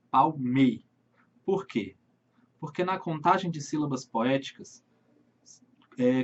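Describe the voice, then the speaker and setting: A man with a Brazilian accent teaching literature in an online video lesson, speaking straight to his viewers and slowing down to read verses aloud. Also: a little high, lo-fi sound, a little hiss or hum. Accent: Brazilian Portuguese. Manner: friendly, addresses viewers directly, slows to read verses.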